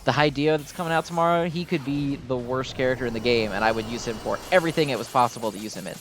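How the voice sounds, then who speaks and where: Speaking fast at a medium pitch, this gaming video host gives casual, unscripted commentary on gameplay with faint music behind him. He rambles informally and pokes fun at himself.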